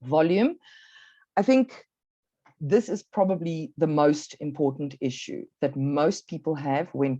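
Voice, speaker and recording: A South African woman presents a workshop in a low, mellow voice, measured and instructive, leaning on key words. The sound is dry and close. The audio is dull and lo-fi, like an online talk. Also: no echo.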